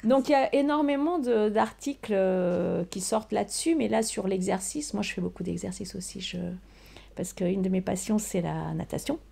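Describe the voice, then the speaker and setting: Older woman, gravelly. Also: mid-range voice, moderate pace, warm tone. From Portugal. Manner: hesitant, many fillers and restarts. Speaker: research scientist guest. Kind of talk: casual interview answers.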